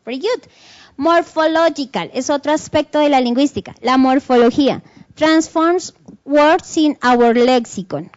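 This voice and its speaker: A woman teacher hosting a bilingual online class, animated and switching languages as she demonstrates intonation. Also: high-pitched, a little slow, lo-fi sound. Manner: animated, switches between Spanish and English, mimics intonation. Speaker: English teacher hosting a teleclass.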